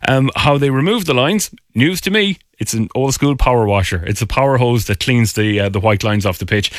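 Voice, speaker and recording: A man's voice: mid-range voice, fairly quick, dry recording, studio quality. Chatty Irish radio host man. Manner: chatty and upbeat, with many ums and uhs. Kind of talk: casual radio chat. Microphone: studio microphone. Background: music bed.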